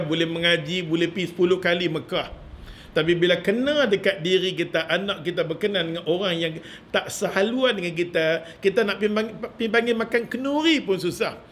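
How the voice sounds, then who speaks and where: A middle-aged man with a northern Malaysian Malay accent, giving a religious lecture as an animated storyteller who chuckles and keeps asking the audience rhetorical questions. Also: high voice, brisk, a little hiss or hum. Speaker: religious teacher.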